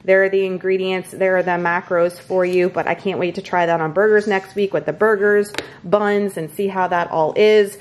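Poor audio captures a woman casually and cheerfully talking viewers through the groceries she bought, standing in her home kitchen. She has a medium-pitched, steady voice and speaks at a normal pace.

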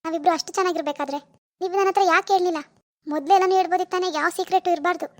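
Woman voicing a fiery cartoon wife, very high. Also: fairly even intonation, racing, no echo. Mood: reproachful. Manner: scolding, then firm and reassuring. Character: fierce, loyal young wife. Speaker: narrator who greets viewers. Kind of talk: cartoon voice acting.

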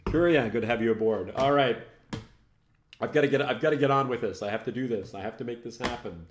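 A middle-aged man with a French Canadian accent talks casually through a live show, poking fun at himself and laughing easily. His voice sits at an ordinary male pitch. The room around him sounds roomy and echoey. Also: quick pace, a little hiss or hum. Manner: self-mocking, laughing often, chatty. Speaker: host. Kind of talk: casual live-stream tech chat.

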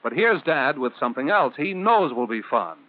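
Speaking directly to a child in plain, conversational phrases, an American man narrates a 1950s instructional film. He's very animated, mid-range and moderately paced, with a dry sound through a muffled, telephone-like old soundtrack.

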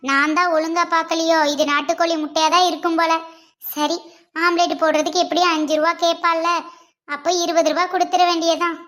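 Woman as a fussing village mother, very high bright voice, scolding, wailing, comic skit. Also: level tone, a little fast. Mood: grumbling.

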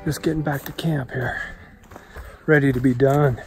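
Faint music sits behind a middle-aged man's medium-pitched voice as he addresses his phone camera at a moderate pace from a forest camp on a mountain lake. A solo backpacking vlogger, he keeps things easygoing until the storm gets him excited.

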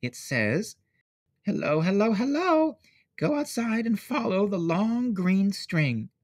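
A mother calls out to her son in a raised, high voice, as a man reading a storybook puts her on. She questions and reads aloud at a slow, lilting storybook pace. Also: very animated, full character voice. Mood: reading note. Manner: calling out, questioning. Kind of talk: picture book read-aloud.

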